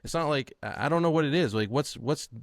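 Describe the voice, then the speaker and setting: Podcast co-host, casual, stacks up repeated phrases, dry close sound. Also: male voice, fairly high pitch, lively intonation, fast talker, gravelly, no echo. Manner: repeats phrases while building a point. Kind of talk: casual chat.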